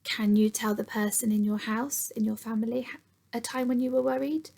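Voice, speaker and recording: With a fairly quick, gravelly voice on the high side, a woman gives a teacher-style read-aloud of a picture book for small children. She's expressive, occasionally going quiet and hushed, and puts questions to her listeners.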